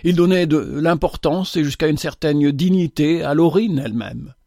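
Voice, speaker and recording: A man reading an audiobook as narrator in a measured way, with rare hesitations. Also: on the high side, gravelly, dark tone, dry recording, studio quality.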